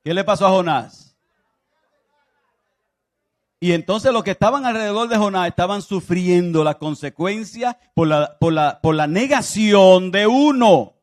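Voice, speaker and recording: A pastor preaching a sermon, moving from loud exclaiming to soft confiding speech and acting out biblical voices as he tells the stories. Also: high-pitched, animated, measured pace. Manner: acts out biblical voices in his telling.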